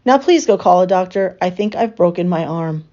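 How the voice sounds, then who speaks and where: A woman's voice: on the low side, animated, normal speed, warm tone, muffled recording, lightly acted. A woman voicing a strict but kindly head librarian from a picture book, firm and polite in manner. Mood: calm, instructing.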